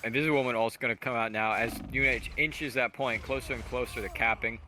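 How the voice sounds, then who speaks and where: A man doing fast play-by-play commentary on a college esports match, rattling off calls at an auctioneer's pace. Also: medium pitch, fairly even intonation, bright, forceful tone, a little hiss or hum. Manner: rapid-fire play-by-play, self-described auctioneer pace.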